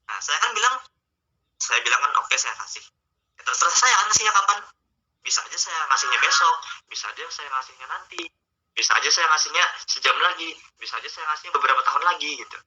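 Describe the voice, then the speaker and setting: A male Islamic teacher talks his listeners through faith in a casual, coaxing way, addressing them directly. His voice is piercingly bright and tense. The sound is dull and lo-fi, like an online stream. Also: on the high side, expressive, fairly quick, pauses often. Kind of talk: casual online religious talk.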